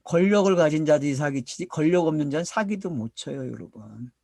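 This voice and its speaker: A man's voice: on the high side, lively intonation, a little fast, gravelly, darkish tone, no room sound, clean studio sound. A middle-aged man from South Korea preaching as a pastor, asking questions and answering them himself and drawing out words for emphasis. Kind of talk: sermon, Bible teaching to a congregation.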